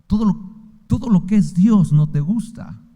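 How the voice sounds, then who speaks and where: Fervent Mexican pastor in a reverberant hall. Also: male voice, sits high, expressive, unhurried, dark tone. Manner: fervent preaching with rhetorical questions. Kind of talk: sermon.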